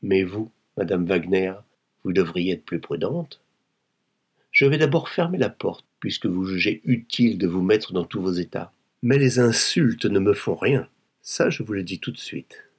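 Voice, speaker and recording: Man putting on a cheeky blackmailer lady, mocking, husky, pushy. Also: deep voice, lively intonation, a little slow, exaggerated voice. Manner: mocking, overly familiar, coolly demanding. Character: insolent, coarse blackmailing poor woman. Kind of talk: audiobook reading.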